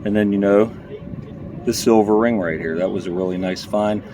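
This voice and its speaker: A man's voice: lowish voice, moderate pace, noisy background. Chatty man calling out finds outdoors. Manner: excitable, chatty, calls out finds. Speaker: metal detecting vlogger. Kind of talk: casual vlog narration while detecting. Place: public park outdoors.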